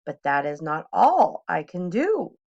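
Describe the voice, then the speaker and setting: Woman acting boastful trickster tomcat, children's storybook, coaxing, swooping animated pitch, slightly muffled recording. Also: slow, exaggerated voice. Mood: boastful, excited. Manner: showy, coaxing, emphatic. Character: boastful, playful male trickster cat in a hat. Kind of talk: children's storybook read-aloud.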